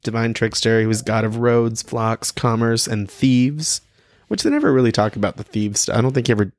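A man's voice: medium pitch, moderate pace. A male podcast co-host talks in a loose, rambling way, laughing and swearing freely. His voice sits in a middle register. The recording is dry, with no room echo. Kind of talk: casual chat.

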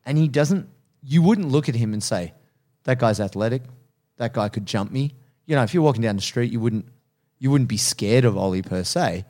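Male, 30s, strength coach podcast co-host, earnest and open, average pitch. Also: lively intonation, moderate pace, a little mellow. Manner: earnest, candid, laughs easily. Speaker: strength coach and personal trainer. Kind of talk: casual podcast chat.

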